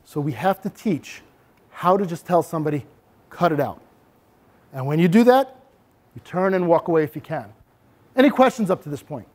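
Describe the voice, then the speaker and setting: High-voiced man giving a lively workshop. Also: a little fast. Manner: animated, acts out examples with sudden voice changes. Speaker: bully prevention presenter. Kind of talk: interactive workshop talk to parents and kids.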